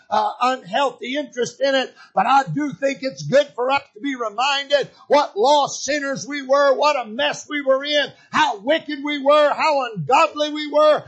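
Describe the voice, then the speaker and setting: A man preaching a sermon, repeating his phrases for emphasis and building to fervent shouts. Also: extremely high pitch, lo-fi sound.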